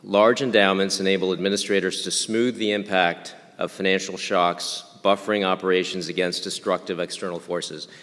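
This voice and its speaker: A man's voice: low voice, fairly even intonation, moderate pace, hardly any pauses, fairly bright tone. A man in his fifties moderating a panel, talking with hesitant restarts. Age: 50s. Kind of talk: panel introduction. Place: reunion event hall. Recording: echoey hall.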